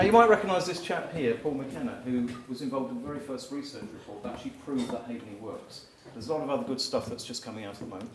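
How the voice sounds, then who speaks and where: A man giving a short live talk, walking the audience through exercises and calling out loudly at times. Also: fairly high pitch. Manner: energetic, instructing the crowd, rising to loud calls. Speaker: speaker at a live talk event. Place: event venue with a live audience. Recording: echoey hall, far from the mic, crowd noise.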